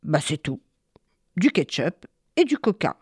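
A woman's voice: low-pitched, big pitch swings, a little slow, darkish tone, slightly rough, dry recording, studio quality, heavily acted. Woman playing a sleepy, grumbling mom. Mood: sleepy careless. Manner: grumbling, drowsy and offhand. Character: lazy, sleepy mother who couldn't care less. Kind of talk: children's story voices.

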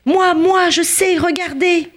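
A storyteller voicing an eager young male prisoner who bursts out with fervent excitement in a storybook tale. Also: very high-pitched, takes it slowly, pitched above the performer's own voice, full character voice. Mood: excited. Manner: eager, breathless exclaiming. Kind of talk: storybook read-aloud.

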